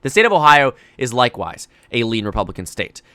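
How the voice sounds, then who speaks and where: A young man hosting a solo election analysis show, talking quickly and energetically, often correcting himself. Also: medium pitch, clear, resonant tone, no room sound. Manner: rapid, energetic, self-correcting analytical talk. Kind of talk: solo political commentary.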